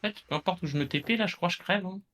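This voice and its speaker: A man's voice: sits high, rapid-fire, fairly bright tone. A man chatting casually while he plays a game with friends, joking and laughing. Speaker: streamer. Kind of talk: casual gaming chat.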